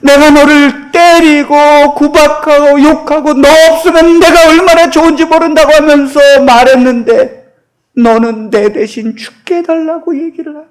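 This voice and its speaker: A man's voice: extremely high pitch, fairly even intonation, normal speed, voice pushed up, poor audio. A man voicing a remorseful old miser father, speaking in an anguished, raised voice.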